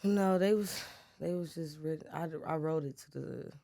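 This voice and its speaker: A woman's voice: deep voice, moderate pace, vocal fry, dark tone, no room sound. A young woman rapper with a Los Angeles accent, chatting casually as a guest and acting out what people said to her. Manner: laid-back, laughs often, acts out quotes. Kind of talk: casual interview chat.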